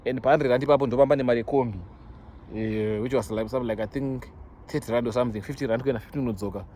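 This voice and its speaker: Talking fast in a mid-range, dark-toned voice with fairly even intonation, a young man with a Zimbabwean accent chats to his vlog followers. He slips in English phrases and hammers points home through repetition. The phone-recorded clip has a noisy ambient background.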